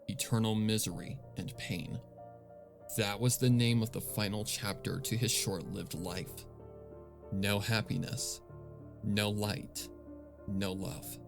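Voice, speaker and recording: A man narrates dark fan fiction in a lowish, creaky voice over faint music. The scripted horror narration is grave and deliberate.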